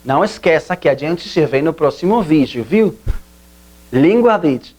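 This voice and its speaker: A teacher walks viewers through a grammar point in an online lesson. The voice sits at a middling pitch but swings up and down animatedly. Points are repeated patiently and checked with questions to the audience. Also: animated, measured pace, darkish tone. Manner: patient, repetitive explaining with rhetorical questions to viewers. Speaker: language teacher.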